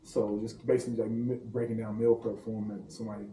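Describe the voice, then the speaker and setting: A man's voice: lowish voice, level tone, fast, mellow, a little hiss or hum. A man from St. Louis, a private chef, chatting casually as a podcast guest, telling loose, laughing, slangy stories. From St. Louis, Missouri. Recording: roomy room, distant mic, faint ambience.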